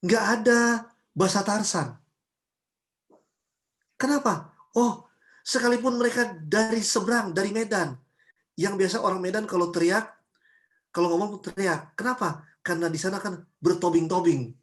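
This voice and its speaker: A woman pastor from Ambon delivering a church sermon. She preaches in a chatty, lively way, firing off rhetorical questions and everyday examples. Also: medium pitch, moderate pace, pauses often. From Ambon, Indonesia.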